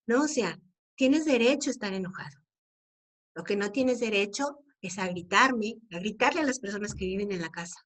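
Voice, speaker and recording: A middle-aged Mexican woman giving an informal, earnest talk to parents, often asking rhetorical questions. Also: fairly high pitch. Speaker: speaker on parenting and equality.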